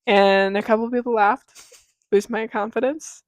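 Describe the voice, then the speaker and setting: A woman's voice: on the high side, steady tone, normal speed, dry recording. A young woman in her twenties co-hosting a podcast, blunt and crude, acting out what people said. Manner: blunt, crude jokes, acts out quotes. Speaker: podcast co-host. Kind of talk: casual chat.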